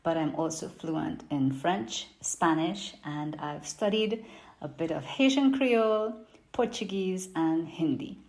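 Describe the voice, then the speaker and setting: Woman, mild Trinidadian accent, lowish voice, spoken self-introduction, measured delivery, stressed key words. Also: animated, a little mellow, rough recording. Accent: Trinidadian, somewhat neutralized. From Trinidad and Tobago. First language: English. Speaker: interpreter and poem reader.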